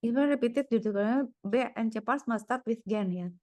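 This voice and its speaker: A woman's voice: a little high, moderate pace, mellow, dry recording. A woman tutoring one student, working through problems aloud and murmuring each step as she goes. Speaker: private tutor.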